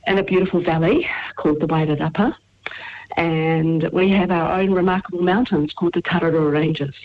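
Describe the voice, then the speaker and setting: An Englishwoman calls in to a radio show for a casual phone chat, speaking warmly about her town with many hesitant fillers. Her lowish voice is steady in tone and a little fast, heard over a muffled phone line with a little hiss or hum.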